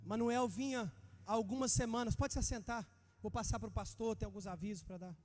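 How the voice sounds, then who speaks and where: A man in his thirties with a Brazilian Portuguese accent delivers a sermon in a very high, ringing voice. He is fervent and calls out to the congregation, climbing into shouts. A long church-hall reverb trails each phrase. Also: brisk. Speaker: preacher.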